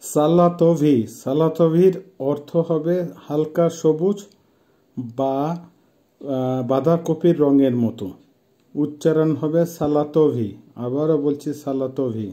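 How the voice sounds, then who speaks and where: Bangladeshi man in his 50s, a patient teacher who drills each word with a mellow, deep-toned voice and a fairly high pitch. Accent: Bangladeshi Bengali. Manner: slow and methodical, repeating each term. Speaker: language teacher. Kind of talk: vocabulary lesson, word by word.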